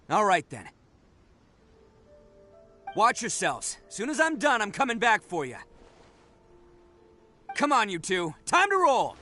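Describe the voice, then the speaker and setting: An actor playing a brash, loyal young oni gang boss in a video game, with a cocky, theatrical swagger and a forceful voice. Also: male voice, high voice, wildly swooping pitch, slow, pauses often, heavily acted. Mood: fired up. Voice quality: bright, forceful voice. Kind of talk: English video game voice acting. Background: music.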